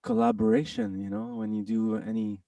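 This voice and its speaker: French-Canadian man, high gravelly voice. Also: very animated, dark tone, no room sound, distant mic. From Quebec, Canada. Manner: halting, many restarts and fillers, laughs often. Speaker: interview guest, actor. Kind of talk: casual interview chat.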